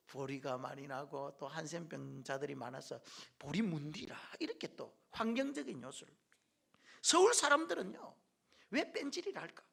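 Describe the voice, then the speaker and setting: A middle-aged male pastor preaching a sermon in a church, joking with the congregation and dropping from loud calls to near-whispered asides. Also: on the high side, creaky. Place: church sanctuary.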